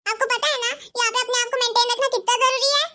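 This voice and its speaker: Woman voicing a bossy young cartoon wife, very high shrill voice, bright and piercing, snaps and mocks the old lady. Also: fairly even intonation, fast talker. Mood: lecturing. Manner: scolding, sharp and mocking. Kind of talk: cartoon voice acting.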